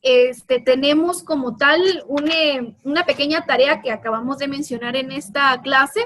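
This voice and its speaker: A woman's voice: sits high, measured pace, a bit bright. A woman teacher with a Guatemalan Spanish accent giving a televised lesson, explaining step by step and asking the students rhetorical questions.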